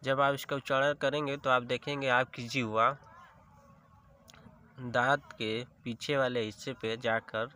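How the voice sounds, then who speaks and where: A man's voice: mid-range voice, flat delivery, unhurried, bright, forceful tone, slight background noise. A man teaching the Hindi consonants, speaking patiently and sounding out each letter one at a time. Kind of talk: slow classroom explanation.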